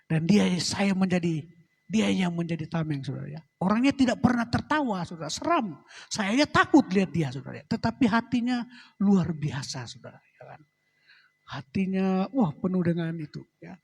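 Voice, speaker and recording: Husky middle-aged male pastor testifying. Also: high-pitched. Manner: tags phrases with a soft trailing "saudara, ya". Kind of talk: sermon testimony. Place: church.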